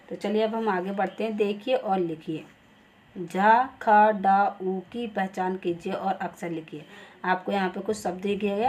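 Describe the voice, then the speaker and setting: Patient Hindi teacher woman explaining slowly. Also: mid-range voice, darkish tone. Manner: patient, step-by-step, repeats "ठीक है". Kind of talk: explaining a school lesson.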